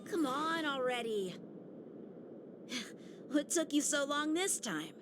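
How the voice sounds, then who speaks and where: Brash, animated young boy swordsman. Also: high voice, slow pace, background noise, heavily acted. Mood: indignant, impatient. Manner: indignant, expressive. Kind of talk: video game voice acting. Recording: background music under the voice.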